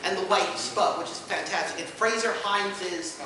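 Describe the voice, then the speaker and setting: Here a panel host at a fan convention gives an unscripted presentation, explaining things off the cuff with enthusiastic emphasis. His voice sits high and moves at a moderate pace. The recording is distant, with faint noise and the heavy echo of a very echoey room.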